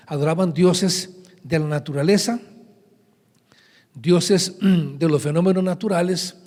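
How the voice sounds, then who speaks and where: Male pastor, teaching sermon, slightly high voice, long church reverb. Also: a little mellow. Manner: teaching, reading scripture aloud to a congregation. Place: large church hall.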